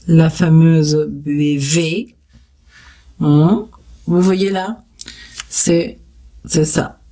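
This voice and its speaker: With a low-leaning, dark-toned voice, a woman whose first language is Spanish speaks with a Spanish accent while leading a step-by-step makeup tutorial. She chats to her viewers directly and encouragingly, adding little "tac" sounds as she works.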